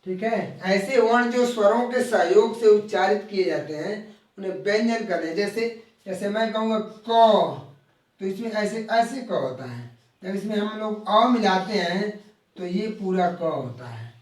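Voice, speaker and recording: A man teaching a grammar lesson live, explaining slowly and repeating key terms while drawing out the example sounds. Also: sits high, expressive. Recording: very echoey room, voice from far off the mic.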